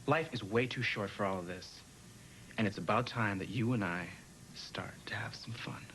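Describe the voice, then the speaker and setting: A man's voice: on the low side, moderate pace, close to an everyday voice, low-quality recording. An actor playing a wry, joking young man, a loyal best friend, in a 1990s daytime soap opera.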